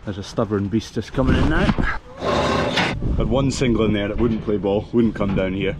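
Young farmer, low voice, noisy yard. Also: male voice, steady tone, moderate pace. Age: young adult. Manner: chatty, calls out to cattle while working. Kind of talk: casual farm vlog narration. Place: outdoor cattle yard with a metal race. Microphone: body-worn action camera. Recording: loud outdoor noise, clanking gates.

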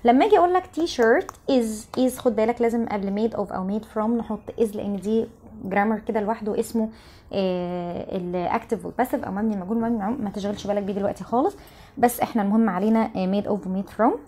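Egyptian arabic lady teacher, fast chatty explaining, mellow voice, breaks words into slow syllables. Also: mid-range voice. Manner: drills words slowly syllable by syllable, quick explanations. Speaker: English teacher. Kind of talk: recorded English vocabulary lesson.

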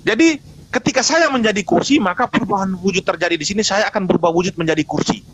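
A man's voice: high voice, fast, a bit bright, husky, low-quality recording. A man arguing his case in a live online debate, emphatic, repeating points and answering his own rhetorical questions.

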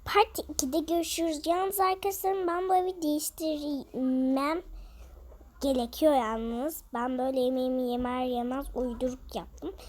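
A woman's voice: high voice, fairly even intonation, moderate pace, a little mellow. A woman vlogging over a game, venting to her viewers in an exasperated, casual way.

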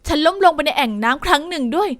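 A young woman narrating her own life story in the first person for an animated channel, telling it expressively and with feeling. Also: high-pitched, very fast, dry recording.

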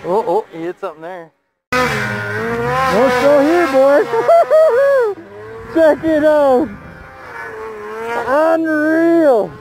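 High-voiced guy on an action cam, lively, loud sled engines all around. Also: very slow, vocal fry, pauses often. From Canada. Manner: excited, laughing, loose. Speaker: snowmobile rider filming. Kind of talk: casual outdoor chat. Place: open snowy field outdoors. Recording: loud engine noise behind.

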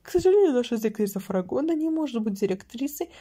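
A woman's voice: on the high side, big pitch swings, fast, dark tone, voice pushed up. Woman doing a stern substitute headmistress. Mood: announcing. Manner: formal, announcing.

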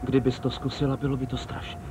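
A man dubbing a soft-spoken, menacing male kidnapper. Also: medium pitch, monotone, over music, close to an everyday voice. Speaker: dubbing actor. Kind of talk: dubbed telenovela acting. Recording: noisy background.

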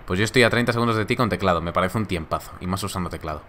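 A young man chats on a live stream in a laid-back, joking way. His voice sits low but sounds bright and forward. A faint hiss stays under the talk. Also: very fast. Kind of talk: casual live-stream chat reading viewer comments.

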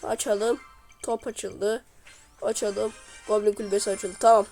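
A woman giving live commentary over her own gameplay, excitably cheering and scolding the units on screen. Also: mid-range voice, unhurried, soft background music, poor audio. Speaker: gamer.

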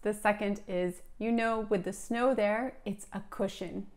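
A young woman with an American accent, explaining a scripted English lesson clearly to camera. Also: medium pitch, steady tone, measured pace. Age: young adult. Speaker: English teacher. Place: small furnished room indoors. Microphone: clip-on lapel mic.

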